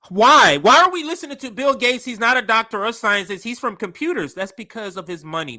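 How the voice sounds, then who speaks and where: Man, raised pitch, very bright sound, casual co-host, backs up his partner. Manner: casual, agreeing, loose phrasing. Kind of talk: political commentary podcast.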